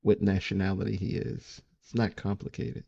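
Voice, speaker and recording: Man, 50s, reaction host; raspy, blunt, opinionated, muffled lo-fi sound. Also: low-pitched, flat delivery, normal speed, dark tone. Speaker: relationship coach reacting to a dating show. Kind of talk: reaction commentary. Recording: dull lo-fi audio.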